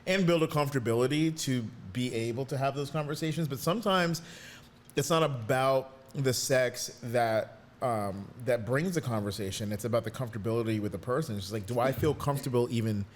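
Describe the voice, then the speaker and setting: A chatty man co-hosting a casual podcast, his voice at an ordinary pitch. He laughs easily between his points, and faint room noise sits behind him. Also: brisk. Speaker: podcast co-host. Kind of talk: casual chat.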